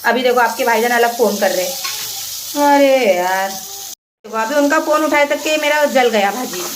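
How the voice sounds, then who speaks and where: A young woman, a mother of two who vlogs about her family, chats with viewers as she cooks in her kitchen, venting and explaining as she works. Her slightly high voice moves at a normal speed, far from the mic, in an echoey room with light background noise.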